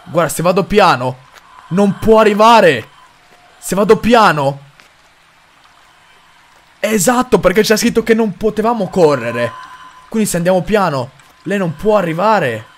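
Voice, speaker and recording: A young man commenting on a horror game as he plays, excitable, with mild cursing and lots of talk to his viewers. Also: high voice, measured pace, pauses often. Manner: excitable, swears mildly, addresses viewers. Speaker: gaming video host.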